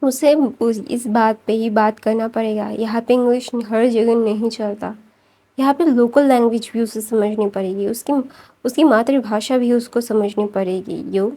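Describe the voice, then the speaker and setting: A woman's voice: fairly high pitch, steady tone, dark tone. A woman voicing a firm older mother who lectures in an insistent way.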